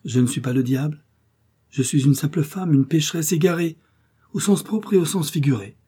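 A man's voice: on the high side, normal speed, mellow, slightly rough, pitched above the performer's own voice. A man voicing a charming young woman who pleads and teases playfully. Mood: coaxing. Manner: coaxing, pleading, teasing.

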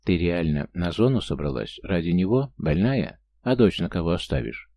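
A man voicing a crude, suspicious male police detective who talks slowly and bluntly in an audiobook. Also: deep voice, sing-song, dark tone, exaggerated voice. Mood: contemptuous. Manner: slow, blunt, rough.

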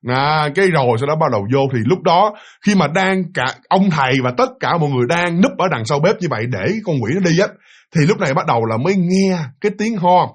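A man with a Southern Vietnamese accent tells a spooky tale, speaking quickly and animatedly. His voice is husky and swings widely in pitch. He repeats words for effect and keeps addressing his listeners directly. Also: expressive. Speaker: storyteller. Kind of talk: spooky storytelling to an audience.

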